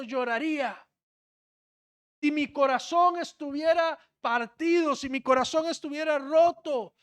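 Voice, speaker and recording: A man's voice: extremely high pitch, fairly bright tone. A Costa Rican man, a pastor, giving an impassioned sermon in a church and putting questions to the congregation. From Costa Rica.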